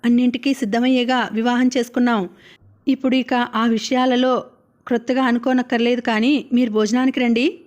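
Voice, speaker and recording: A woman reading the lines of a calm young wife who gently reassures her husband. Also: on the high side, a little fast, natural voice. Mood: reassuring.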